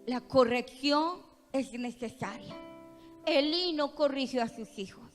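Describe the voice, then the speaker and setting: A woman pastor with a Costa Rican accent, preaching a sermon in a church with impassioned, emphatic delivery that swells to loud peaks. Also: high voice, slow pace. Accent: Costa Rican Spanish. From Costa Rica. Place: church hall. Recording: reverberant church hall with music.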